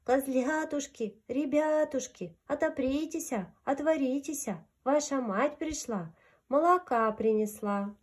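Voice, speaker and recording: Woman playing sly hungry wolf, wheedling, put-on high voice, drawn-out words, storybook tale. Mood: wheedling falsetto. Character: sly hungry male wolf posing as mother. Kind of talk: storybook character reading.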